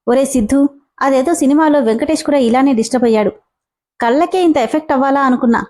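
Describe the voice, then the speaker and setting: A woman's voice: high-pitched, fast, a little mellow, lightly acted. Woman reading a playful teasing college guy. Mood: musing. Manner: teasing, mock-scared, light.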